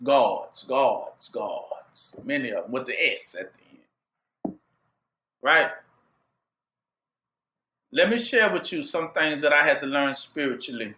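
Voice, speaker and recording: A man's voice: medium pitch, animated, slow pace, pauses often, bright, forceful tone, reverberant, slight background noise. A man preaching a sermon, drawing his listeners in with rhetorical questions he leaves for them to finish. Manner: call-and-response rhetorical questions.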